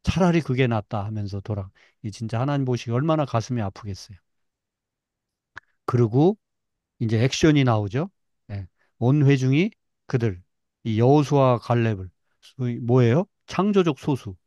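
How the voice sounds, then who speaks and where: A middle-aged man teaching a Bible class, retelling scripture in a lively way and acting out the people's complaints. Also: mid-range voice, moderate pace, pauses often, no room sound, muffled recording.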